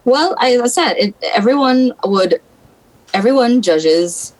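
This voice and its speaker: A senator from South Trinidad, speaking with a Trinidadian accent, shares blunt and frank opinions as a guest on a political talk show. Her voice is fairly high and expressive, and she takes her time. The recording quality is poor.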